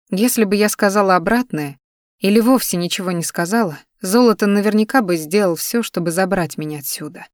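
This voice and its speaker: A woman narrating a first-person story in an even, measured audiobook reading. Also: medium pitch, no echo, studio quality.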